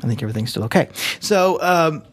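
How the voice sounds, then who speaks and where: Speaking fast with lively intonation and a fairly high pitch, this man co-hosts a podcast and rambles through a long anecdote full of tangents and self-corrections. Soft music sits in the background of his studio-mic-to-computer recording.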